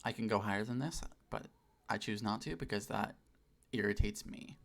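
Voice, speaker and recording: In a relaxed gameplay livestream, a late-twenties man speaks in a put-on customer service voice that he lifts deliberately. His voice is lowish and creaky, and he swears freely while running himself down.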